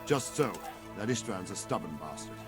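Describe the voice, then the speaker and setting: An actor voicing a blunt, coarse veteran soldier in a video game. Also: male voice, lowish voice, animated, moderate pace, music in the background, close to an everyday voice. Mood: gruff.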